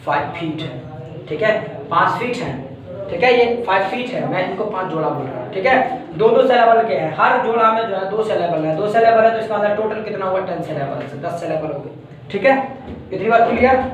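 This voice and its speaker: A man's voice: high voice, lively intonation, a little fast, crowd noise. An Indian man teaching a class, explaining step by step and repeating each point, checking that students follow. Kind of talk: classroom lecture. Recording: very echoey room from far off.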